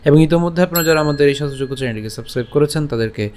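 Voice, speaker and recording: A man giving a recorded scripture lesson, explaining pronunciation step by step and reciting verses in a slow, deliberate chant. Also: on the high side, a little mellow, a little hiss or hum. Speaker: religious teacher.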